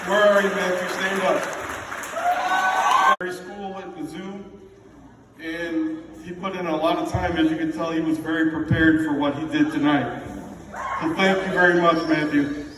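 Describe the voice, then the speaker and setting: A middle-aged man giving an informal, heartfelt father of the bride speech to wedding guests, plainspoken and a little halting. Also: on the high side, fairly even intonation, a loud crowd. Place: large reverberant indoor reception room with background noise. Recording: echoey noisy hall, picked up from far off.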